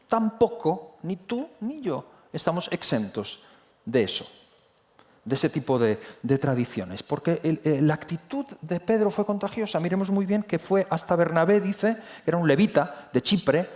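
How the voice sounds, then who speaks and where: A man preaches a sermon in a loose, conversational way, with many restarts and asides. His voice sits a little high for a man. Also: big pitch swings, moderate pace, darkish tone. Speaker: pastor. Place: church hall.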